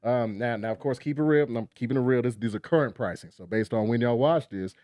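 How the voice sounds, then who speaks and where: Fast-talking upbeat man, dry sound. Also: mid-range voice, warm tone, dry recording. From England. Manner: upbeat salesman patter with repeated fillers. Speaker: game show and trivia host. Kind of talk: guest on a casual podcast.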